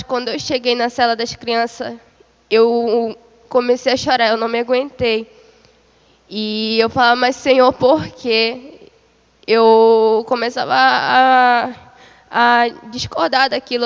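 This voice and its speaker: A woman's voice: fairly high pitch, flat delivery, unhurried, smooth, big-room sound, muffled recording. A woman giving a religious testimony of a vision, retelling it in a repetitive way and calling her listeners beloved. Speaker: church member giving testimony.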